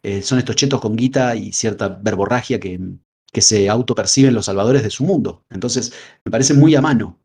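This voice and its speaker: A man with a low, husky voice and a Rioplatense Spanish accent talks through a film in a loose podcast chat. He rambles, stacking up filler words as he thinks aloud. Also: darkish tone. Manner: rambling, frequent "este" fillers. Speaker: podcast co-host. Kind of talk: casual film discussion.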